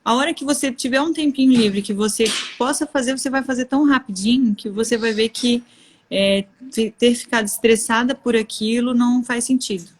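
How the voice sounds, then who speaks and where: A woman's voice: on the high side, a little fast, slight background noise. A woman in her thirties with a Brazilian Portuguese accent, chatting candidly on a live stream about motherhood, often laughing. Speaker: guest speaker on parenting. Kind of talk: casual live-stream conversation.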